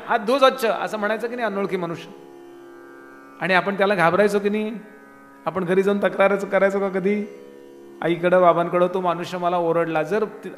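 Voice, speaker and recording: A man's voice: sits high, a bit bright. A man giving a devotional discourse, talking conversationally and asking the audience rhetorical questions. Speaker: kirtan preacher. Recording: long reverb in a hall.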